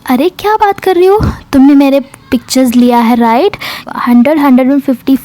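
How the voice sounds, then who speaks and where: A woman storyteller voicing a pushy, excited young woman who fires off insistent questions at her girlfriend. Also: sits high, close to an everyday voice. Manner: insistent, rapid-fire questions.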